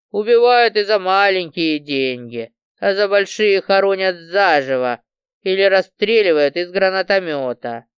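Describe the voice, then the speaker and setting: A woman voicing a cocky armed male thug who mocks and threatens in a loud, lowered, drawn-out voice. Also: clean tone, no echo. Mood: mocking menace. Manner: sneering, threatening.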